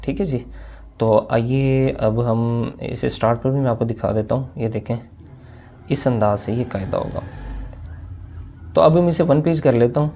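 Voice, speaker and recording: Patient male Quran teacher, dark voice. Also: medium pitch. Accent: Pakistani Urdu. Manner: patient, explains step by step, repeats key points; sounds out letters slowly. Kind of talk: online tutorial lesson.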